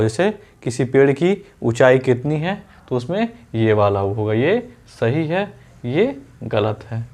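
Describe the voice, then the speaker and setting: A man teaching an exam-prep spelling lesson, repeating each word and quizzing his students with quick questions and everyday example sentences. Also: mid-range voice.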